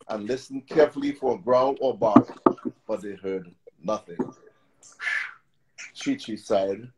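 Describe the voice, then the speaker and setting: A man narrating a children's story aloud in a steady, plain way. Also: medium pitch, background noise.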